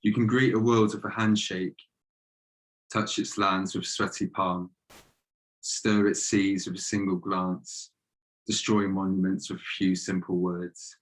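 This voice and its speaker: A young man in his twenties, a guest poet reading his poems in a measured, steady way over a video call. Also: sits low, rough recording. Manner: measured, steady delivery with repeated refrains. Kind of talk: poetry reading.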